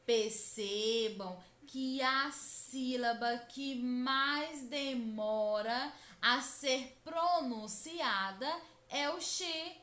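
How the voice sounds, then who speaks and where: A woman, teaching a lesson to children, speaking deliberately, repeating instructions and stretching words out. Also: sits high, a bit bright, roomy sound.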